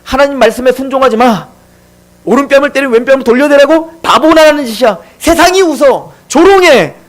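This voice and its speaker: A man's voice: very high voice, animated, a little fast. A man voicing a sneering male tempter, the devil, who mocks and goads with rhetorical questions. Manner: taunting, mocking rhetorical questions.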